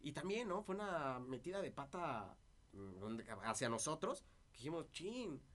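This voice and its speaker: A man's voice: mid-range voice, expressive, normal speed, a bit bright. Guy with a dry voice, chatting as an interview guest, acts out the back and forth. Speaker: interview guest, party politician. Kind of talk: casual interview conversation.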